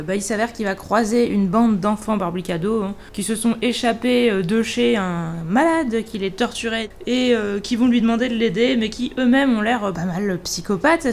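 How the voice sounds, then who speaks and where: Hoarse, creaky-voiced woman reviewing books. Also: mid-range voice, a little mellow. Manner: informal, hesitant, thinking aloud with trailing asides. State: hoarse from allergies. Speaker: book reviewer, host. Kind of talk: casual spoken book review.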